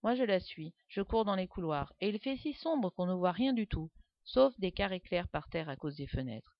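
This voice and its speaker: A woman voicing an excitable young schoolboy who gets carried away by his own story, in a dull, dry recording. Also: fairly low pitch, dry recording, lightly acted. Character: excitable young schoolboy writer, dreamy and eager.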